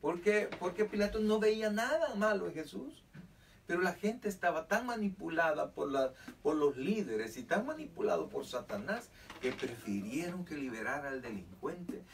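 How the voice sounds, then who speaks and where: A man's voice: a little high, animated, moderate pace, creaky. Fervent preaching man, distant mic. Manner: fervent preaching with rising emphatic peaks. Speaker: pastor. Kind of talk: sermon. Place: church. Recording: distant mic with faint noise.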